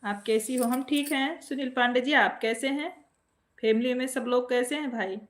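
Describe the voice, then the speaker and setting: A woman's voice: high-pitched, normal speed. A woman hosting a casual live stream from home with an Awadhi accent, reading viewer comments aloud and greeting people by name with playful teasing.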